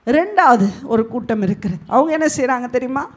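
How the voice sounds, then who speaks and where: A woman pastor preaching a sermon with emphatic delivery, swinging between loud and hushed. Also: fairly high pitch, expressive, a little fast. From Tamil Nadu, India.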